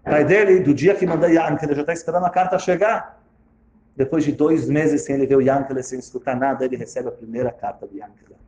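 A man, a religious teacher telling a story in a sermon with a dramatic, animated delivery. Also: medium pitch, fast, echoey room.

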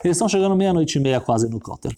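Animated male storyteller, mellow voice. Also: on the high side, very fast. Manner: animated, repetitive, building suspense. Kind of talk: religious storytelling.

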